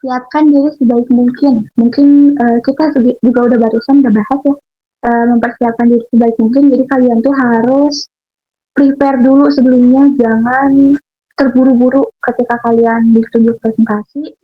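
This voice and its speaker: A young woman with a slightly high voice gives public speaking tips to fellow students in a loose, chatty way, often pausing on fillers and restarting. The sound is thin and phone-like, with faint music underneath. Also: steady tone. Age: young adult. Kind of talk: casual instructional talk.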